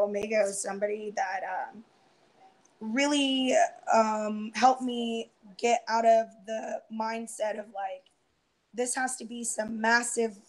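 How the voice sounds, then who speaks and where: Speaking from a room in her home on a video call with an earphone headset, a twenty-something guest on a live round-table stream talks casually about herself. Her medium-pitched voice is quiet and hesitant, peppered with ums and restarts, and it's growing hoarse as she loses her voice. Audio quality is poor.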